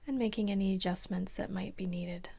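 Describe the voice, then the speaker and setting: A female meditation teacher guides a body scan, calm, soothing and unhurried. Her mid-range voice is soft and breathy, often trailing toward a whisper.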